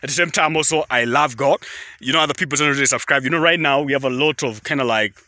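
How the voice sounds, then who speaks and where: A young Kenyan vlogger with a Kenyan accent, a native Kalenjin speaker, talks fast in a medium-pitched, sharp voice. He's in a tea field filming himself at arm's length, rambling, repeating things and often saying "guys." The recording sounds dry.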